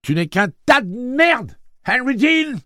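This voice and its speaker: A man reading an audiobook voicing a furious teenage girl cashier in a shrill, high falsetto. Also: very animated, slow pace, pushed and bright, dry recording, clean studio sound, heavily acted.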